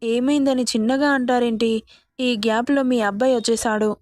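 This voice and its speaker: A woman's voice: on the high side, fairly even intonation, a little fast, a little mellow, dry recording, clean studio sound, natural voice. Naive young bride, read by a woman. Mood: pleading. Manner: pleading, naive questioning.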